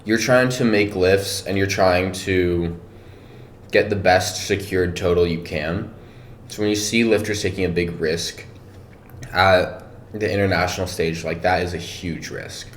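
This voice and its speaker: A man's voice: sits low, fairly even intonation, unhurried. A man talking casually on a podcast about competing as a powerlifter, thinking aloud with many fillers. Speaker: powerlifter guest. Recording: echoey room, faint noise.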